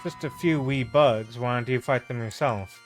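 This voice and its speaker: Man doing a courteous young bard lady, eager, bright, polite. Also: medium pitch, normal speed, faint music behind, close to an everyday voice. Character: polite female bard, cheerful pacifist.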